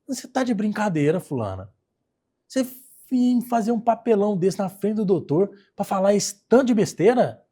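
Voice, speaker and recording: A man's voice: high voice, sing-song, moderate pace, dark tone, husky, voice pushed up, full character voice. A man putting on an exasperated scolding twin sister. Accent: Brazilian Portuguese. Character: indignant slim young woman, an exasperated twin.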